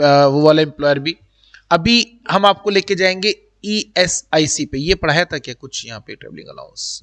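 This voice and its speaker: Man, teacher, high voice, chatty classroom lecture, speaks straight to students, English terms mixed in, reverberant room. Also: a bit bright.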